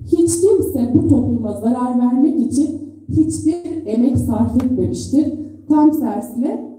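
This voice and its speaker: A middle-aged woman delegate giving an earnest, measured speech into a lectern microphone at a general assembly, pausing between phrases. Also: high-pitched, expressive, mellow, faint music behind. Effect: speaking into a lectern microphone in a hall. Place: assembly hall. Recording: echoey hall, voice from far off.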